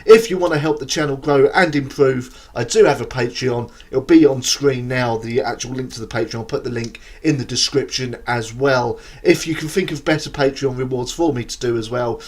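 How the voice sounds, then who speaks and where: A man's voice: medium pitch, normal speed, few pauses. A man with an Essex accent giving a casual, rambling, self-deprecating album review straight to camera. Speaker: music reviewer.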